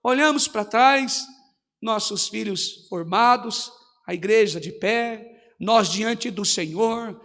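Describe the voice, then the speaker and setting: A middle-aged Brazilian man preaches in a high, gravelly voice, rising into fervent shouts of praise. His sermon rings with long reverb from a church hall, heard over a livestream. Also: slow pace. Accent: Brazilian Portuguese. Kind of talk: Pentecostal sermon.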